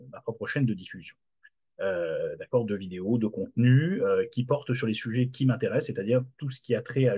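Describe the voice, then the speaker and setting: A man's voice: on the low side, a little mellow, husky. A middle-aged man, a lecturer, introducing his new channel in casual talk, hesitant with many fillers and restarts, recorded over a video call. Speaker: university lecturer launching a channel. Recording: dull lo-fi video call audio.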